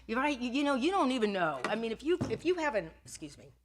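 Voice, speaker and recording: A woman's voice: fairly high pitch, big pitch swings, fast talker, noisy background. Older woman, casual sermon, chatty, self-deprecating, laughs often. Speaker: speaker at a Sunday service. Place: church sanctuary.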